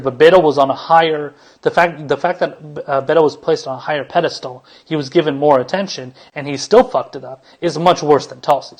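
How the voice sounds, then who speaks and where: A man hosting a political commentary podcast, talking in a rambling way with many restarts, fillers and casual swearing. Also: mid-range voice. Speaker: podcast host.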